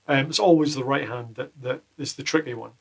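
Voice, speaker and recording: A man teaching guitar exercises in a casual lesson from a small home studio, full of deadpan jokes between the explanations. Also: mid-range voice, fairly quick, creaky, breathy edge. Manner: jokey, deadpan asides. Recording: loud guitar playing behind the voice.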